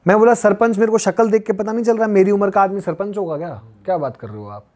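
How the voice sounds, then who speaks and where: A young man from Uttar Pradesh tells a story as a podcast guest, in a casual conversational way. His voice sits a little high but sounds soft and warm. He acts out the dialogue of the people in his story as he goes. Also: quick pace. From Uttar Pradesh, India. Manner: lively retelling that acts out quoted dialogue. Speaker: podcast guest, long-distance pilgrim walker.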